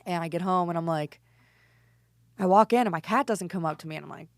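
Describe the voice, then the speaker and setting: A band singer in her twenties, appearing as a podcast guest, tells a story in casual chat, animatedly quoting and acting out her own lines and swearing. Her voice is fairly low and she talks fast, in a dry recording.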